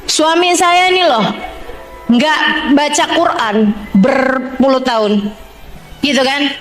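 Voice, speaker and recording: High-voiced woman preaching in an echoey hall. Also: slow, soft background music. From Indonesia. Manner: chatty, humorous, addresses listeners directly. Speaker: religious teacher preaching to women. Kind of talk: lively sermon to a women's gathering.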